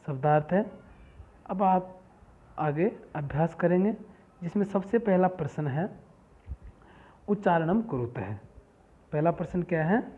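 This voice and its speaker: Male teacher, slow deliberate delivery, repeats words and quizzes back, thin phone-line audio. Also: on the high side. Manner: repeats each word and asks questions back; reads terms slowly one by one. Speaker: school Sanskrit teacher. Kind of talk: lesson explaining word meanings. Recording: tinny phone-like sound.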